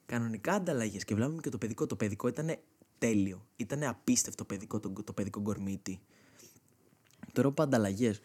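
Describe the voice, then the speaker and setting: A man in his twenties with a slangy, animated delivery who swears freely, doing a comic nostalgic monologue. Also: on the low side, breathy edge. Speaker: comedian host.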